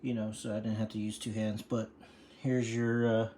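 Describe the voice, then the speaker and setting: A man's voice: on the low side, little pitch movement, moderate pace, mellow, slight background noise. A man explaining a bike repair in a casual, rambling way, full of fillers, breathing hard from leaning over. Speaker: bike mechanic demonstrating a repair. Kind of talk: casual how-to video.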